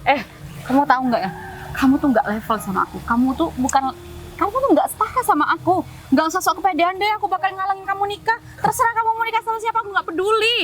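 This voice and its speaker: A woman's voice: extremely high pitch, fast, a bit bright, faint music behind, low-quality recording. An actress playing an arrogant, scornful young woman who sneers at her ex-boyfriend in a web drama, recorded outdoors. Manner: sneering, scolding, dismissive. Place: outdoors in a public place.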